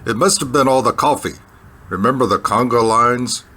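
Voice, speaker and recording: An actor playing a brooding, melodramatic war-veteran pilot hero in a 1950s sci-fi parody. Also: male voice, medium pitch, moderate pace, bright, forceful tone, lightly acted. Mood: wistful. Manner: overwrought, brooding, dramatic storytelling. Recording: echoey hall, clearly noisy.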